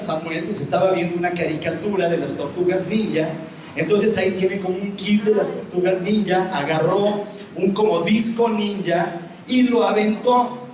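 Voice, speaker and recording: A man with a Mexican accent preaching a sermon, telling a family story with lively acted-out quotes. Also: high-pitched. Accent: Mexican Spanish. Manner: animated storytelling, acting out quotes, laughing. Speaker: pastor. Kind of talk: sermon with personal anecdote. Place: large church hall. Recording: very echoey hall, distant mic, noisy.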